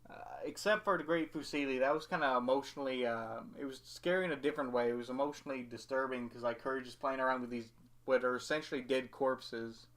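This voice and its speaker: A young man hosting a podcast, chatting casually in a rambling, animated way with many restarts. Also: mid-range voice, fast. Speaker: podcast host. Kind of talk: casual chat.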